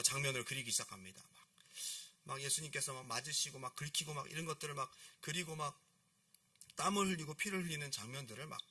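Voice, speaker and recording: Male preacher, storytelling sermon, acts out dialogue; bright tone, swooping delivery, distant church mic. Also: mid-range voice. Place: church sanctuary.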